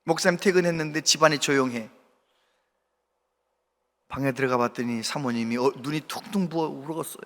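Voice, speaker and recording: A man's voice: fairly high pitch, brisk, long pauses, fairly bright tone. A middle-aged man preaching a sermon as pastor, telling a story and acting out the voices of the people in it. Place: church sanctuary. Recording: long hall reverb from the church. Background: hall reverb.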